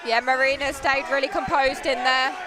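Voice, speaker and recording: A woman's voice: sits high, little pitch movement, normal speed, over music. A woman giving live fight commentary as the analyst, adding brief supportive observations from ringside. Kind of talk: live combat sports commentary. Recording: noisy live venue, crowd behind.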